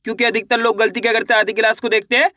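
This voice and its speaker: A man teaching beginners to read Hindi, stretching each word out slowly and saying it twice, then checking whether students follow. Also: high-pitched, level tone, bright, forceful tone, no room sound, clean studio sound. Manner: coaxing, repeats "clear so far?". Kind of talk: online reading lesson.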